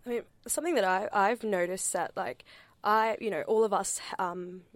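On a discussion panel, a young Australian-accented woman whose first language isn't English keeps hesitating, restarting, and using fillers. Her voice is medium-pitched, her pace moderate, and the recording dry.

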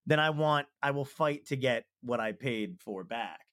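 Male comedian host with a mid-range voice, swearing his way through a lively anecdote; dry, close sound. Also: medium pitch, a little slow, no room sound. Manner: profane, animated storyteller acting out both sides of a phone call. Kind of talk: casual storytelling chat.

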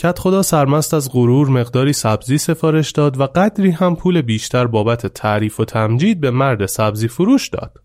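A man, host of a podcast, narrating a story in a calm, measured way. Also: mid-range voice, dry recording, studio quality.

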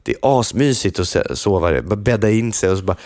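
A man's voice: sits low, animated, darkish tone, no room sound. A man chatting casually on a podcast, teasing and joking, often restarting his sentences. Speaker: podcast co-host. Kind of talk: casual chat.

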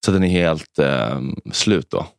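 A man's voice: extremely low pitch, expressive, creaky, clear, resonant tone, dry recording, clean studio sound. A man co-hosting a podcast, telling anecdotes in casual chat and acting out quotes. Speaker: podcast co-host.

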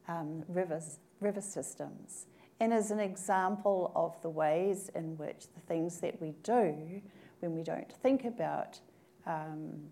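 A woman from New Zealand speaking on a panel, thoughtful and measured, pausing often to gather her words. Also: low voice, dark tone. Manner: thoughtful, measured, with frequent pauses and fillers. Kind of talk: panel discussion. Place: conference room at a table.

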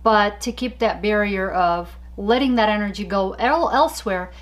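A woman co-hosting a casual podcast chat, animated and laughing often as she tells stories. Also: mid-range voice, moderate pace. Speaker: podcast co-host.

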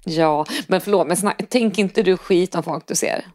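A woman's voice: lowish voice, a little mellow. A Swedish woman co-hosting a podcast, talking casually, swearing freely and acting out the lines of people she quotes. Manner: chatty, swears casually, acts out quoted dialogue. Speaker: podcast co-host. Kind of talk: casual chat.

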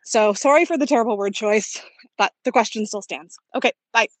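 A woman's voice: on the high side, brisk, dry recording, rough recording. A woman from Canada leaving a casual voice message while out walking by a busy road. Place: outdoors by a road. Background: road noise.

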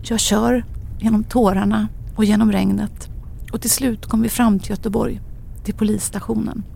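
A woman in her forties narrating a personal story in a quiet, halting, grave way. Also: mid-range voice, little pitch movement, creaky, a little hiss or hum.

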